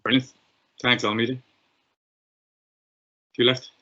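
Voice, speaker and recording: A man's voice: medium pitch, flat delivery, slow pace, bright, forceful tone. An Irish man hosting an online information call, chatty and often restarting his sentences. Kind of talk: casual chat. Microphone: video call. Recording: muffled video-call audio.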